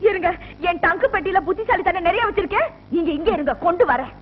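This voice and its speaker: A woman's voice: very high voice, animated, fast talker, a little hiss or hum. An actress playing a young village wife who nags her husband to take her to the city. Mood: nagging. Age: young adult. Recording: dull old film soundtrack with faint music.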